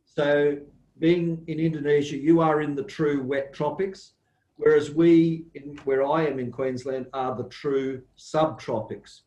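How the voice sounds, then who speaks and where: A man with an Australian accent giving a slow, measured guest lecture over a video call, pausing often with ums. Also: a little high, steady tone, dark tone, echoey room, muffled recording. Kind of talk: online academic lecture.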